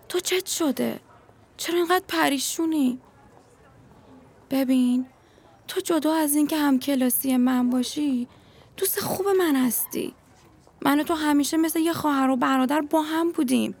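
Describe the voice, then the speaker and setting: A woman's voice: high voice, long pauses, a little mellow. A woman playing a caring young female university classmate in an audio drama, worried and probing. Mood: concerned. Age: young adult.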